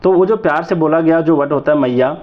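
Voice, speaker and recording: Chatty teacher with a Jharkhand accent. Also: male voice, fairly high pitch, quick pace. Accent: Jharkhand Hindi. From Jharkhand, India. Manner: chatty, often asks "है ना?". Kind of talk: exam vocabulary lesson. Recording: slightly dull lo-fi recording.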